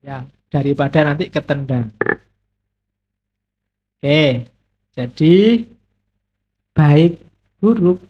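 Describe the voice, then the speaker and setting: Middle-aged male lecturer, joking and conversational, breathy edge to the voice. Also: on the high side. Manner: relaxed, joking, conversational teaching with playful examples. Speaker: philosophy lecturer. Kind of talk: casual philosophy lecture. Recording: dull lo-fi lecture recording.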